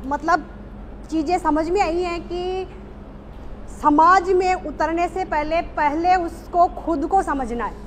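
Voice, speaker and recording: A woman's voice: very high voice, slow, a little hiss or hum. A woman speaking to a small group at a speaking workshop, reflecting on what she has learned, hesitant, with many fillers and restarts. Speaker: workshop participant.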